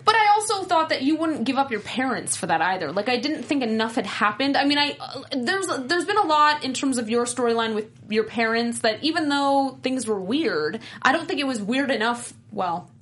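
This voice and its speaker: A woman co-host with a slightly high voice recaps the plot in a casual chat. She moves briskly from one event to the next. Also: expressive, fairly bright tone. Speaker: podcast co-host recapping episodes.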